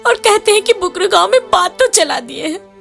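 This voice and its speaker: A fretful village mother , played by a woman, speaks softly in rustic dialect. Her voice sits high with a gravelly texture. A faint music bed plays beneath her. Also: lively intonation, moderate pace, full character voice. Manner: soft, tearful, rustic dialect. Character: worried village mother of a teen girl.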